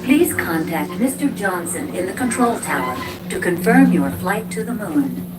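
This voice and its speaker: A woman voicing a poised, courteous paging announcer, heard as a soft lobby-style announcement over a distant ride loudspeaker. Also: medium pitch, very animated, normal speed, very noisy.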